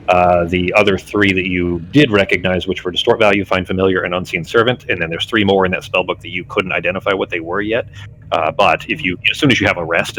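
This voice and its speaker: A man's voice: sits low, fairly bright tone, slight background noise, rough recording. A man speaking as game master, casually explaining the rules of a tabletop game.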